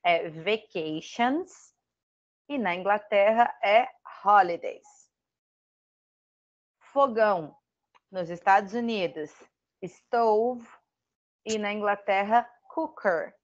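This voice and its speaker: Woman, Brazilian Portuguese accent, casual English lesson, thinks aloud, medium pitch, slightly dull recording. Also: slow, pauses often. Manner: chatty, thinks aloud, self-deprecating asides. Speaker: English teacher.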